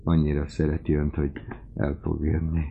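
A man's voice: extremely low pitch, completely flat delivery, vocal fry, narrow, tinny audio, slight background noise. A man voicing an earnest, caring young man in an audiobook, speaking urgently and reassuringly. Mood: soothing. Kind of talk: audiobook character reading.

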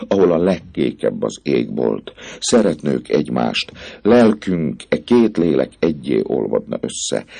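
A man with a deep, gravelly, husky voice reading an audiobook and voicing a tormented, obsessive priest who pleads feverishly. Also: warm tone, exaggerated voice. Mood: yearning.

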